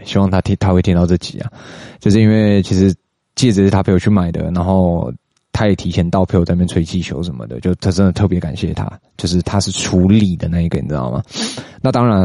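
A young man with a Taiwanese Mandarin accent hosting a podcast, chatting casually and getting animated as he retells a story, with slangy asides. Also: low voice, dry recording, studio quality. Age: young adult. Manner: chatty, animated when retelling, mixes in English words and Taiwanese swearing. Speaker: podcast host.

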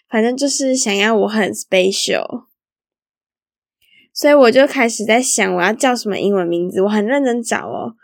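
A woman's voice: a little high, no room sound, studio quality. A young woman hosting a solo podcast, telling stories in a chatty, giggly way with lots of casual fillers. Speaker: podcast host.

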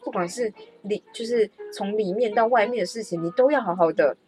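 A woman's voice: medium pitch, fairly quick, warm tone, soft background music, lightly acted. A woman quoting her preachy middle-aged male driving instructor in an earnest, lecturing tone.

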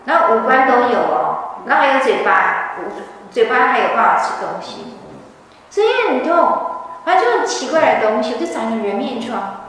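A woman's voice: on the high side, very animated, moderate pace, fairly bright tone. A woman giving a scripture lecture, telling the story animatedly. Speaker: religious teacher. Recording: echoey hall from far off.

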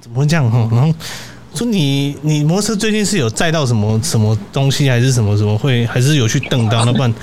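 A young man hosts a casual podcast and tells old college stories. His pitch sits in an ordinary middle range. He rambles, restarts his sentences and checks in with little tag questions, and a faint hiss runs under his voice. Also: fast, a little mellow. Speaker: podcast host. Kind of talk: casual storytelling chat.

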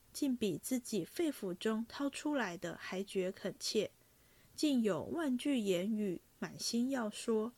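A woman reading a classic novel aloud in a measured, even storytelling voice. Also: on the high side.

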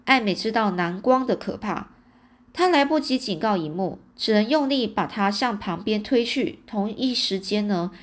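A woman's voice: medium pitch, lively intonation, moderate pace. A woman reading a fantasy novel aloud in a casual, chatty way, sprinkling in little fillers. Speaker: audiobook reader.

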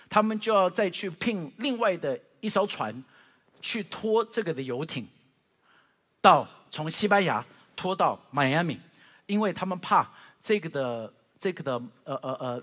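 A man preaching a sermon as pastor, telling stories with strong emotion, moving from loud to hushed, with frequent stammered restarts. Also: high-pitched, in a large hall.

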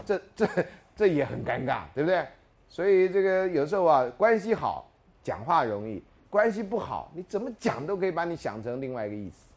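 A middle-aged man with a Taiwanese Mandarin accent giving a university lecture, chatty and storytelling, acting out quotes. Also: a little high. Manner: chatty, animated storytelling with acted quotes and laughs. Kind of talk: classroom lecture.

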